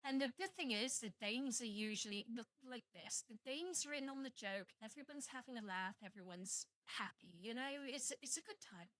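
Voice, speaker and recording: Chatting casually on a live stream, this young woman from Britain, half Welsh and half English, jokes with her audience and doesn't hold back on swearing. She speaks with a British accent at a normal speed, few pauses, fairly high pitch and lively intonation. Her tone is a bit bright, with no echo.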